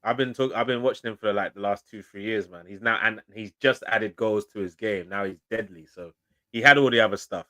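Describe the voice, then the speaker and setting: A man, a guest pundit in casual football banter, slangy and animated and laughing often. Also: on the low side, brisk, dry recording.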